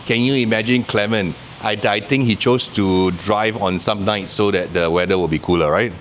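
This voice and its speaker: In this noisy outdoor street recording, a Singaporean travel vlogger with a fairly low-pitched voice talks at normal speed. He narrates and chats upbeat to the camera while visiting an outdoor night market.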